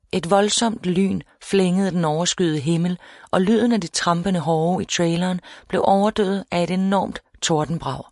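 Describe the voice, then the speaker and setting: Narrating a novel as an audiobook, a woman reads in a steady, measured storytelling style with a fairly low voice. The scripted reading is recorded dry, at studio quality.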